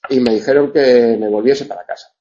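A man's voice: medium pitch, steady tone, a little fast, dark tone, muffled recording, a little hiss or hum. Wry man tutoring a class. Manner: wry, digressive, with many restarts. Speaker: university tutor. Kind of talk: classroom lecture with questions.

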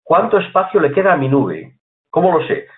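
A man walks learners through software step by step. His pitch moves a lot as he explains, and he keeps asking if they are following. The sound is tinny and narrow, like a phone line. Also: very animated, moderate pace. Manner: chatty, repeats points, asks "¿vale?" often. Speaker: computer course teacher. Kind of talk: screen-recorded software tutorial.

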